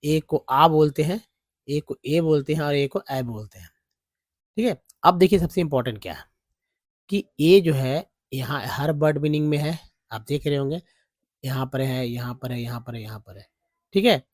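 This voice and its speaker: A man's voice: medium pitch, normal speed, a little mellow, no echo, studio quality. A man teaching a lesson on English vowel sounds in Hindi. He spells words out letter by letter, repeats each sound and keeps checking that the viewer follows.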